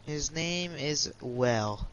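A man's voice: fairly high pitch, expressive, very slow, fairly bright tone, lo-fi sound, a little hiss or hum. A man chatting casually while gaming with a friend, teasing and matter-of-fact. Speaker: gaming partner.

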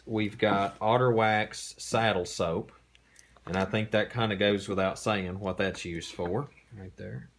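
A man hosting a casual unboxing, talking in a relaxed, rambling way with many fillers, recorded indoors on a camera mic. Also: lowish voice, a little hiss or hum. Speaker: host. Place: indoor room.

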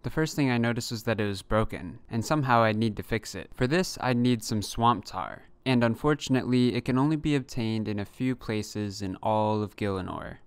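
A man narrating a scripted adventure in character as a storyteller, with measured, theatrical delivery. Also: fairly low pitch, clear, resonant tone, no echo.

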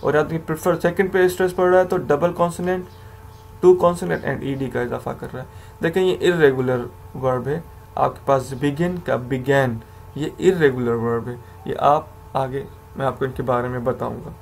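A man's voice: mid-range voice, steady tone, moderate pace, creaky, a little mellow, a little hiss or hum. A man teaching English grammar to learners, patiently explaining rules, repeating examples and correcting himself as he goes.

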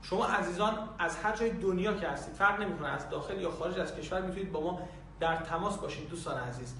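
A man's voice: high voice, bright, forceful tone. A man speaking directly to viewers in a friendly promotional outro, inviting them to get in touch. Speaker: course promoter. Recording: very echoey room, far from the mic, faint noise.

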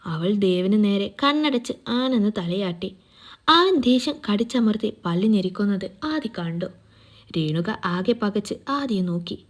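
A woman's voice: medium pitch, expressive, measured pace. Woman narrating a story steadily. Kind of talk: scripted narration of a romance serial.

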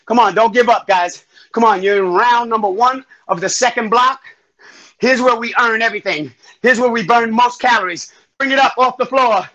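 This man's voice is extremely high, moving at a moderate pace as he runs a live home workout. Panting between cues, he counts down reps, names each move and urges everyone forward with energetic counts and encouragement.

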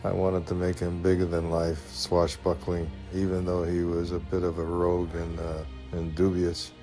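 Deep, dark-voiced man, admiring. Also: completely flat delivery, moderate pace, soft background music. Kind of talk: interview.

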